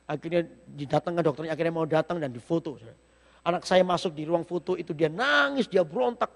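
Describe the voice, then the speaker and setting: A man preaching a sermon in speech, telling a personal story with emotion and lively rhetorical questions. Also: on the high side, creaky. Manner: emotional storytelling, sometimes breaks into slow song. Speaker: pastor. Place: church sanctuary. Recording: long reverb of a church hall.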